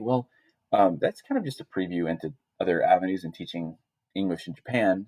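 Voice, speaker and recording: A man's voice: sits low, no echo, rough recording. A man co-hosting a podcast, talking casually and hesitantly with many restarts. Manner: hesitant, restarts often, relaxed. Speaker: podcast co-host.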